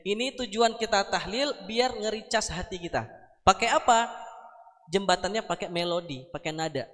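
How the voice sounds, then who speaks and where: A man's voice: high voice, animated, normal speed, fairly bright tone. A young man preaching at a mosque study session on a handheld mic, chatty and joking, breaking into melodic chanting. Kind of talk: mosque study sermon with sung dhikr. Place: mosque hall. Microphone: handheld microphone. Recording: roomy echoing mosque hall.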